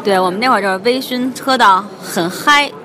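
A woman's voice: fairly high pitch, fairly quick, crowd noise. A young woman with a Beijing accent, chatting casually as a co-host, her speech slightly thick-tongued and lisping from wearing braces. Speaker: podcast co-host. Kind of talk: casual chat.

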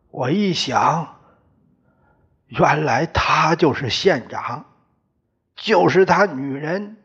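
Male audiobook narrator, first person, very slow pace, fairly high voice. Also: a bit bright, husky. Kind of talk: first-person novel reading. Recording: dull lo-fi recording.

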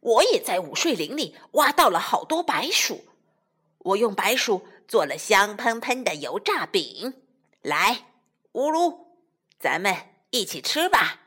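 A woman's voice: mid-range voice, very animated, unhurried, fairly bright tone, slightly rough, heavily acted. A woman voicing a happy, generous grey wolf in a children's storybook, inviting a friend to eat.

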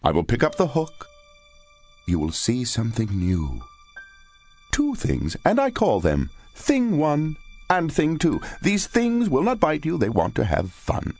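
Storybook cat in a hat played by a man: low, sly, coaxing, drawn out, swoops up and down, music behind. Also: huge pitch swings, unhurried, a little mellow, heavily acted. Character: smooth mischievous grown male cat in a hat. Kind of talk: storybook read-aloud.

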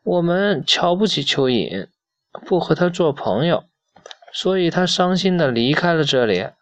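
A brave, eager puppy from a children's storybook, as a man puts him on. He speaks forthrightly in a slightly high, dry voice. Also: big pitch swings, unhurried, a bit bright, dry recording.

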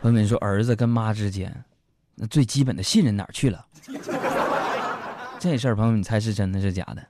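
A man's voice: on the low side, brisk, long pauses, over a noisy crowd, heavy background noise. A man with a Northeastern Chinese accent doing a chatty comic monologue, talking straight to the audience. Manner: chatty, addresses audience as friends. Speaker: stand-up comedian.

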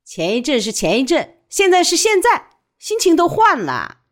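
Woman voicing a widow, fierce, bitter, high voice, big swings in pitch. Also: huge pitch swings, normal speed. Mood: defiant. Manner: sharp, loud, bitter.

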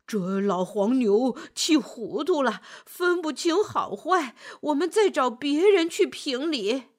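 Timid storybook scholar, flustered, a bit high, voiced by a woman. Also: very animated, unhurried, husky, exaggerated voice. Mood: hurried. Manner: flustered, stammering. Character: kind timid old-fashioned male scholar.

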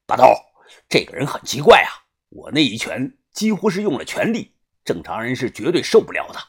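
A man's voice: medium pitch, wildly swooping pitch, fairly quick, a bit bright, breathy edge, voice pushed down, exaggerated voice. A man voicing a tough male fighter in an audiobook who talks bluntly, frowning and puzzled.

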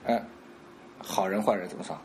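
A man's voice: low-pitched, fairly even intonation, moderate pace, slight background noise. A man hosting a casual radio language lesson, coaching pronunciation and laughing often. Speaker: dialect teacher and host.

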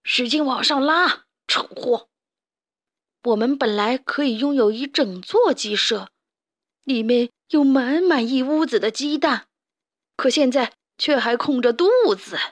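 A woman's voice: high voice, animated, a little slow. A woman storyteller voicing a scheming male rat gang boss who sneers and barks insults. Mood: scolding.

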